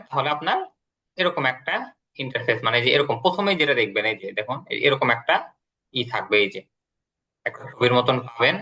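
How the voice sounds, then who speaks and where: A man's voice: medium pitch, pushed and bright, husky. A man teaching English vocabulary and pronunciation in an online class, explaining step by step and repeating his pointing phrases.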